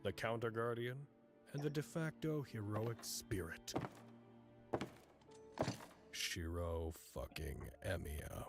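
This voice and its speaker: A man's voice: fairly low pitch, takes it slowly, pauses often, over loud music. A man voicing a smug, sarcastic male hero who is a jaded future version of himself, in a comedy fan dub. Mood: sardonic. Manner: sarcastic, theatrical.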